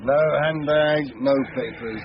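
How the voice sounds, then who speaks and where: An actor playing a glum, put-upon district police inspector, resigned and faintly aggrieved, in a radio drama. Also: male voice, mid-range voice, a little slow, close to an everyday voice. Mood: matter-of-fact. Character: glum, hard done-by male district police inspector, thorough. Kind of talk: BBC radio drama acting. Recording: muffled, noisy old radio broadcast.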